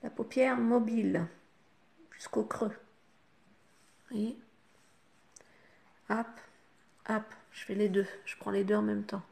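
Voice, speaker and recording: Une femme francophone au ton bavard, qui explique pas à pas son maquillage aux spectatrices avec beaucoup de « hop » et « voilà ». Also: female voice, medium pitch, fairly even intonation, takes it slowly, creaky, long pauses, darkish tone. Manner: chatty, talks the viewer through each step with fillers like "hop" and "voilà". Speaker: makeup vlogger. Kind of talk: casual makeup tutorial.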